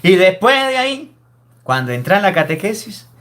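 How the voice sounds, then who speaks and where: High-voiced priest preaching. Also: male voice, big pitch swings, normal speed, a bit bright. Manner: emphatic, scolding preaching with rhetorical questions. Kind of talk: sermon.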